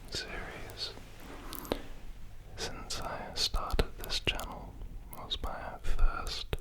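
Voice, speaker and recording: Asmr person whispering ear to ear, super slow rambling, long pauses, real close on the mic. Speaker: host of an ASMR channel. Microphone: close stereo ear-to-ear microphones.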